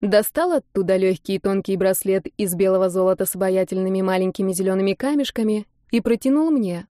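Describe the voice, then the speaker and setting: A woman's voice: mid-range voice, fairly quick, dark tone, no room sound, clean studio sound. Woman narrating a romance audiobook. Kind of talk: first-person audiobook narration.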